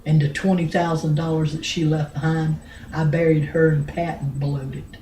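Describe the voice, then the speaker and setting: An older grandmother telling a family story in a rambling, blunt way, with many pauses and restarts. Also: low voice, little pitch movement, dark tone, a little hiss or hum. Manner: blunt, earthy, with mild swearing. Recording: roomy home recording.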